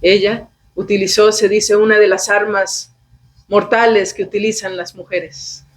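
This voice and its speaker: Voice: mid-range voice, level tone, a little slow, low-quality recording. A teacher tells a devotional story to a class, often checking in with the listeners through short tag questions. This speaker shifts into the characters' voices as the tale unfolds. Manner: acts out quoted characters.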